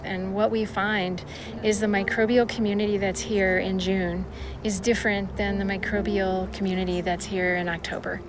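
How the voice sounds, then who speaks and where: A woman's voice: mid-range voice, level tone, moderate pace, background noise. A woman speaking as a scientist, explaining her research in an unscripted documentary interview. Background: music under the voice.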